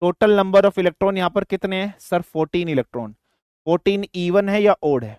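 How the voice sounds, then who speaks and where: A man's voice: sits high, moderate pace, darkish tone, smooth, no echo. Older male physics teacher, dry voice. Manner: addresses students as beta, repeats questions, mixes Hindi and English. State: dry throat. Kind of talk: online class lecture.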